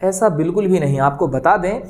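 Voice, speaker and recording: A man's voice: high-pitched, fairly quick, darkish tone. A man teaching an exam-prep grammar lesson, reassuring and often checking in with his students as he explains. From India. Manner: reassuring, repeats "okay" and "friends" often.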